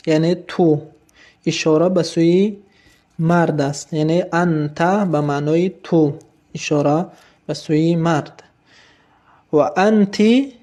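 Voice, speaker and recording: Mellow-voiced man teaching Arabic phrases. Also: fairly high pitch. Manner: slow, repetitive drilling of phrases with explanations. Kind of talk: recorded language lesson.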